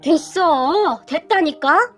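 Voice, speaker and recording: A woman voicing a weary middle-aged mother who works as a housekeeper, talking slowly with sighs and pleading. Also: high voice, lively intonation, a bit bright, soft background music. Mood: placating. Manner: sighing, slow, pleading.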